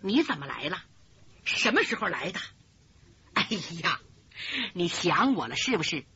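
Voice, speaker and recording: A woman's voice: fairly high pitch, huge pitch swings, moderate pace, sharp tone, slightly rough, full character voice. A woman storyteller voicing a petulant, spoiled young male swordsman in a dull lo-fi recording. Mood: coaxing. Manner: petulant, swings from bluster to whining sobs. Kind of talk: traditional storytelling.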